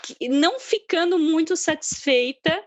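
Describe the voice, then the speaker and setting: High-voiced woman, candid and self-mocking. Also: animated, a little slow, no room sound. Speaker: journalist, podcast co-host. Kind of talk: casual podcast chat.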